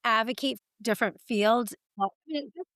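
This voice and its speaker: Higher-pitched woman with Rhode Island accent. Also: brisk, a bit bright, dry recording, studio quality. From Rhode Island, United States. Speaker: interview show host. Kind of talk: casual interview chat.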